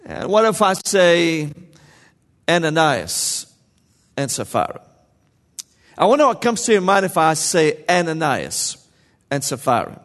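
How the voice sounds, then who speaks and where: A man preaches in a high, bright voice, teasing the congregation and checking in on them. His voice rings with a long echo through a large church. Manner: lively, joking, calls to the congregation. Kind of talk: sermon.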